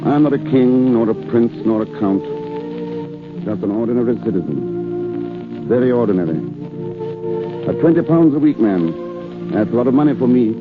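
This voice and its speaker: A man's voice: medium pitch, animated, moderate pace, long pauses, close to an everyday voice. An actor playing a modest, ordinary working man in love, in 1930s radio acting style. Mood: affectionate. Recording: tinny 1930s radio recording, music behind.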